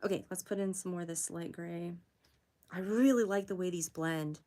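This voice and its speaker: A young woman hosts a relaxed drawing livestream, talking to her chat as she works. Her voice sits a little low, but it jumps way up when she greets viewers, and she laughs easily. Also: moderate pace. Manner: chatty and giggly, greets viewers in a high voice. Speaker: art livestream host.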